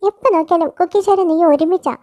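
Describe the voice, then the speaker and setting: A woman's voice: very high-pitched, racing, dark tone, dry recording, voice pushed up. A woman voicing a jealous, pouting younger sister in a fan-made audio story. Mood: sulky. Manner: pouting, complaining.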